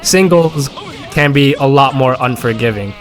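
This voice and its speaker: A man's voice: mid-range voice, unhurried, faint music behind. A man giving casual gameplay commentary, rambling with lots of fillers and restarts. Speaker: gaming content creator.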